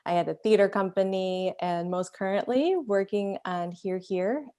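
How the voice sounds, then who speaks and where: A woman from Chicago, a guest on a video-call interview, introducing herself in a friendly, steady way. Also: medium pitch, moderate pace. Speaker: guest, deck co-creator.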